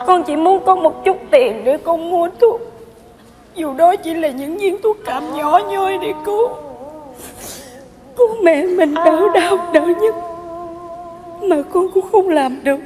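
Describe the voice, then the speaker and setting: High, bright voice of a tearful young bride,. Her pleading, melodramatic delivery rings through a large theater hall, with music behind her. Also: takes it slowly, long pauses. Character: young Vietnamese bride Mai, tearful and devoted. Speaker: stage comedy actress. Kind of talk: stage sketch acting. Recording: live stage with hall echo and music.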